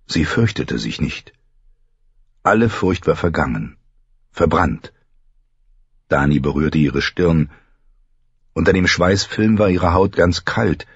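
A man narrating a fantasy audiobook in a measured, even storytelling manner, with a husky voice. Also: deep voice, dry recording, dull audio.

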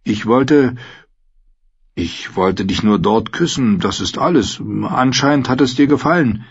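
A man voicing an earnest young man of a sworn guard, quiet and a little hesitant. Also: mid-range voice, lively intonation, unhurried, husky, dry recording, dull audio, pitched above the performer's own voice.

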